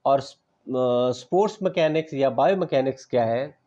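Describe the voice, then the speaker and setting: A man's voice: mid-range voice, moderate pace, dark tone, muffled recording. A man giving a classroom lecture on physical education, explaining patiently with everyday examples, mixing in English terms and checking that students understand.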